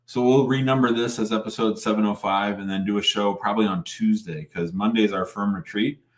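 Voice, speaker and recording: A man's voice: on the low side, steady tone, fairly quick. A man hosting a live call-in show in a casual, informal and blunt way, often restarting his sentences. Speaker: live show host and lawyer. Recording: roomy, echoing sound.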